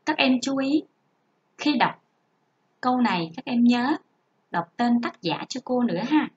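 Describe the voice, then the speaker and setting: A woman teaching a first-grade reading lesson online, reading slowly and spelling out each sound for young children. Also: fairly high pitch, lively intonation, a little mellow. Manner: slow, careful, drawn-out model reading and spelling out sounds. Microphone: home recording for an online class. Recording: dull lo-fi sound.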